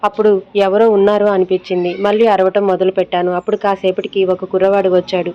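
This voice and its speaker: A woman's voice: medium pitch, level tone, quick pace, dull audio, natural voice. A woman voicing a frightened young male student in an audio story, telling his ordeal in an anxious, pleading way.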